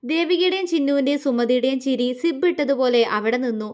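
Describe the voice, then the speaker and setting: Woman reading a love story out loud, high voice, calm even storybook pace. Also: fast. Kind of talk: scripted narration of a romance audio series.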